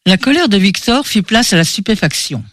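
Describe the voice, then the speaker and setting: High-pitched male audiobook narrator. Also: big pitch swings, brisk, fairly bright tone, no room sound, clean studio sound.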